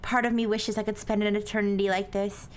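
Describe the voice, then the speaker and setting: A woman voicing an earnest young woman in a paranormal romance visual novel, reading in a soft, solemn, dramatic way. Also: level tone, brisk, close to an everyday voice. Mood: solemn, tender. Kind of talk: visual novel read aloud. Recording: noisy, low rumble behind.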